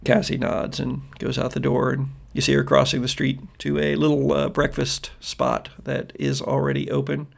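Gravelly game master narrating. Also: male voice, mid-range voice, flat delivery, normal speed, few pauses.

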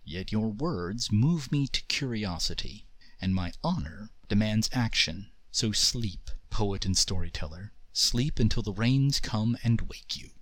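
A mighty ancient jinn speaks slowly and gravely, put on by a man reading the tale. His lines roll out with lively rises and falls, and the recording is dry and close. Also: medium pitch, dry recording, heavily acted. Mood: soft, solemn. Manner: slow, grave and commanding. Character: mighty ancient male jinn, thunderous and proud.

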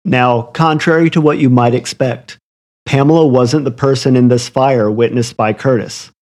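A man's voice: mid-range voice, steady tone, moderate pace, a little mellow. A man narrating a scripted true crime story in an ominous, literary storytelling manner. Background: music under the voice.

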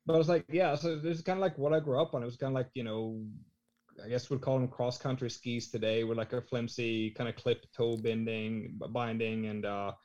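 A man in his thirties from Norway, a podcast guest chatting casually, talking in halting phrases with many fillers. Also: mid-range voice, fairly even intonation, a little mellow. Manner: halting, lots of fillers and restarts. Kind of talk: casual chat. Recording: slightly dull lo-fi sound.

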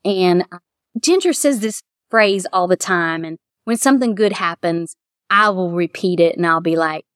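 A woman's voice: fairly low pitch, normal speed, clear, resonant tone, no echo, clean studio sound. Chatty middle-aged Kentucky woman, heartfelt. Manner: chatty, heartfelt, quotes others in lively voices. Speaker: bridal shop owner and dress designer. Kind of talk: casual interview.

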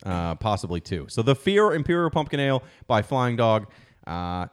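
A man's voice: medium pitch, sing-song, smooth. A man hosting a casual podcast, rambling and self-deprecating as he reviews beers and reads odd news stories. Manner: fast, rambling, self-deprecating, laughs often. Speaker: podcast host. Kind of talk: casual chat and comic news segment.

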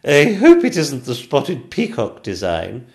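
A bossy storybook queen with a raised, loud and slow voice, performed by a man. She talks down to everyone in a haughty drawl. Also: mid-range voice, huge pitch swings, vocal fry, voice pushed up, exaggerated voice. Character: bossy, chatty middle-aged queen.

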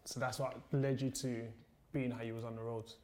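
A man's voice: mid-range voice, flat delivery, moderate pace, a little mellow. A man hosts a casual interview, asking questions in an encouraging, conversational way. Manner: encouraging, frequent affirmations.

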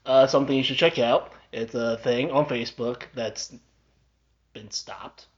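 A man's voice: medium pitch, a little slow. A man co-hosting a casual podcast chat, laid-back and chuckling, trailing off into fillers. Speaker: podcast co-host. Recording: dull lo-fi podcast audio.

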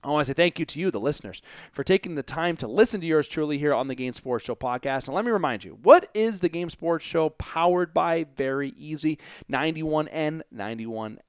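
A man's voice: fairly high pitch, animated, brisk, clean tone, dry recording, studio quality. A young man hosting a solo sports podcast, rambling and chatty, often breaking off and restarting his sentences. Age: young adult. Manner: rambling, chatty, self-interrupting. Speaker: podcast host.

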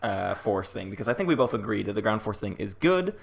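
Man, podcast co-host, low voice, gravelly, casual analytical chat. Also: big pitch swings. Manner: chatty, analytical, quick to laugh. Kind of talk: casual podcast discussion of a board game.

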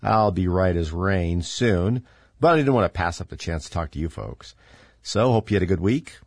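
This middle-aged man hosts his own podcast, delivering a casual political commentary monologue at a moderate pace. His low, expressive voice sounds a bit congested and stuffy as he rambles sardonically with lots of fillers. The clean studio recording has no room sound.

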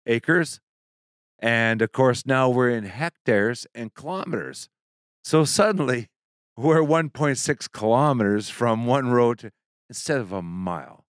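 Unhurried older man. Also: mid-range voice, animated, dry recording, clean studio sound. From Alberta, Canada. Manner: unhurried, explanatory storytelling with chuckles. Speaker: guest. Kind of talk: casual chat.

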